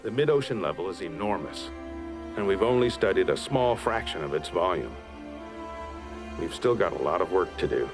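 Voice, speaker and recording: A man's voice: sits low, big pitch swings, moderate pace. A man with an American accent, an oceanographer narrating a nature documentary from a script. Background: music.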